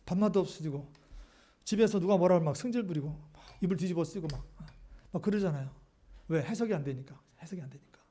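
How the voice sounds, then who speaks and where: A man's voice: sits high, quick pace, long pauses, warm tone. A male pastor preaching a sermon, speaking animatedly to the congregation and often asking rhetorical questions.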